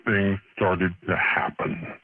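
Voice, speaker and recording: A man's voice: deep voice, level tone, slow. A man calling in to a radio show, his voice disguised by a voice changer, telling a personal story earnestly with stumbles and restarts. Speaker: caller. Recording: voice-changed phone-line call.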